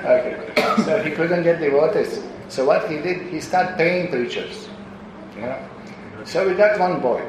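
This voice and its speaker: A man's voice: on the high side, a little slow. A man from Europe giving an informal spiritual question-and-answer talk as a visiting preacher, telling anecdotes, saying "you know" often and acting out the voices he quotes. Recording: very echoey room with clear background noise.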